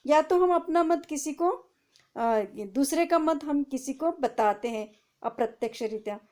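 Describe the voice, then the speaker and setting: A teacher explains a lesson to her pupils, reading sentences aloud slowly and then walking through them. Her voice sits a little high for a woman, with a soft, mellow tone. She often asks a question and answers it herself. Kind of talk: online class explanation.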